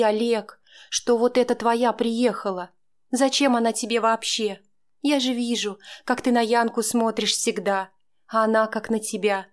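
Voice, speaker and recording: A woman's voice: a little high, voice pushed up, close to an everyday voice. A woman playing a fretful older grandmother. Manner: anxious, scolding, then tender. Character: older woman, worried caring grandmother, tearful.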